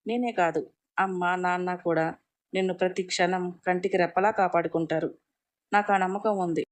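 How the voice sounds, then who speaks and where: A woman voicing a tender, devoted young husband in a storybook reading, gentle and pleading. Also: lowish voice, natural voice.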